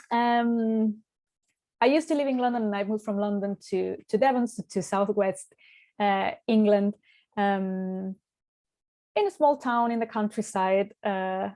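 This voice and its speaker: A woman's voice: mid-range voice, mellow. A woman of around forty hosting a live online workshop as a spiritual coach, speaking on a video call in a reflective way, searching for words and repeating them as she goes.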